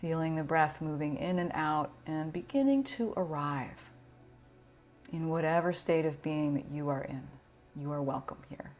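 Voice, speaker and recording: With soft music playing behind her, a woman with a low-sitting voice guides a yoga nidra meditation. She moves gently and slowly, letting pauses settle between phrases.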